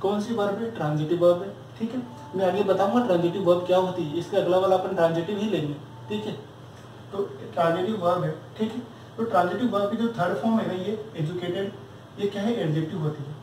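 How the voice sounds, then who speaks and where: A man's voice: high voice, fast talker, a little mellow, a little hiss or hum. A man teaching a grammar lesson for exam preparation, drilling students with repeated questions and answers. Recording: very echoey room, far from mic.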